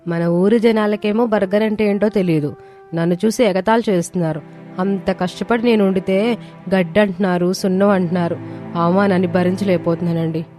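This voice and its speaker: A woman's voice: mid-range voice, fairly even intonation, a little fast, mellow, faint music behind, natural voice. A woman voicing a young daughter-in-law who speaks in a plaintive way. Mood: upset.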